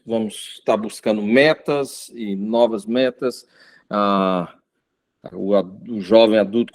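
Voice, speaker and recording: A man's voice: mid-range voice, a little mellow. A middle-aged man from Goiânia, preaching an informal sermon, hesitant with many fillers and restarts. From Goiânia, Brazil. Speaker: visiting preacher.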